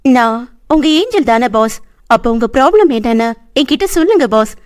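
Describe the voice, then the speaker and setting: A woman's voice: a little high, very animated, moderate pace. A woman voicing an innocent, childlike young woman who chatters naively in a storybook reading. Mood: coaxing.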